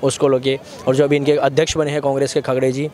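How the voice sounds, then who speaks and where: A man's voice: medium pitch, little pitch movement, fast, a little mellow. A young man explaining his political analysis in a street interview, speaking into a handheld mic outdoors. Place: outdoors by a lake. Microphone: handheld mic held by interviewer.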